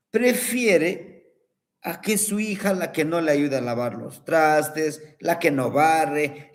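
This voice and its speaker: A man voicing an upset young granddaughter who complains in an aggrieved way about unfairness. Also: on the high side.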